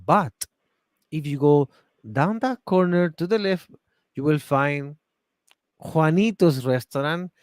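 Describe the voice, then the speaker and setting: A man with a Chilean accent teaching English on a video call, animated and encouraging, speaking slowly and clearly for learners. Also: a little high, no echo, studio quality. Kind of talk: online English class.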